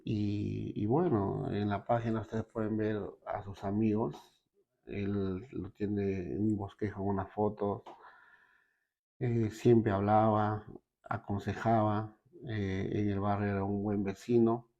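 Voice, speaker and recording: A man giving a personal testimony, halting, with frequent fillers and tag questions. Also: on the low side, flat delivery, creaky, dark tone, highs cut off. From Peru. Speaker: testimony giver.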